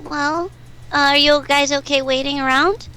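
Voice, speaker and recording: A woman's voice: high-pitched, steady tone, normal speed, bright, forceful tone, rough recording. A woman playing a tabletop game, casual and giggly, often speaking of her character in the third person. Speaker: player. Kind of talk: casual tabletop role-play.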